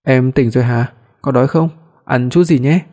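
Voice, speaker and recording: Người đàn ông đọc chàng chồng trẻ chiều vợ. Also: male voice, medium pitch, normal speed, warm tone, lightly acted. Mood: tender. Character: young husband, possessive and doting.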